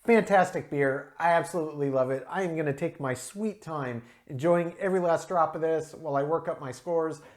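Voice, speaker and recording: A man with a somewhat high voice walks viewers through a beer review in a relaxed, casual way. He explains things carefully and spells out pronunciations, and his talk is full of ums and uhs. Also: brisk, hardly any pauses.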